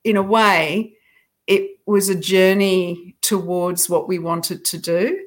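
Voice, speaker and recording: A woman's voice: fairly low pitch, fairly even intonation, takes it slowly. A middle-aged woman author, a guest in an interview, talking reflectively and self-deprecatingly about her writing, with frequent restarts.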